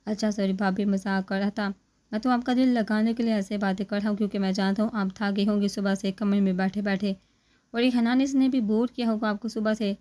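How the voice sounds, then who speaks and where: A woman's voice: medium pitch, steady tone, a little fast, mellow, natural voice. A woman voicing a talkative young man who keeps teasing his friends, in a chatty, joking manner.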